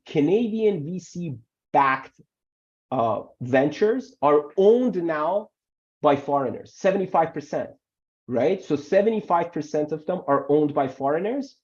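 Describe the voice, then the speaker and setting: An immigration lawyer whose native language is Farsi answers questions in a webinar, animated and often repeating words for emphasis. His voice is fairly high-pitched, and the video call audio comes through muffled.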